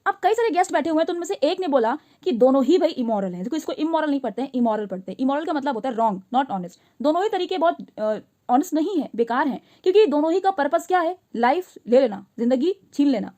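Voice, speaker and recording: A woman teacher explaining a story line by line. She reads each English line slowly, then explains it in chatty Hindi and asks her listeners questions. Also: sits high, sing-song, dark tone.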